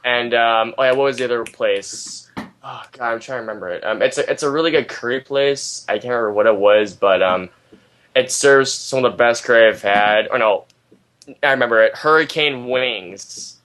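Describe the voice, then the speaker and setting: A man's voice: mid-range voice, normal speed, a bit bright. A young man from the United States, a guest in a casual interview, rambling with many ums and eager bursts of enthusiasm.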